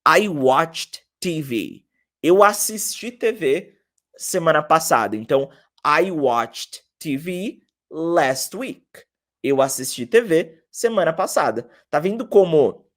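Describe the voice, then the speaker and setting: A man from Brazil gives a relaxed video lesson, his voice rising and falling in a lively way. He talks straight to the viewer in a chatty tone and slows right down to drill each word, repeating it so you can copy him. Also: a little high. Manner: chatty, direct address to viewers, slow repeated pronunciation drills. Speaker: English teacher.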